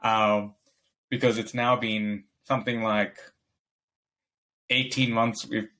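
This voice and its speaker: A man's voice: fairly low pitch, flat delivery, slow, sharp tone. A young man from Bangladesh, co-hosting a podcast in casual chat, rambling and laughing often as he acts out quoted dialogue. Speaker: podcast co-host.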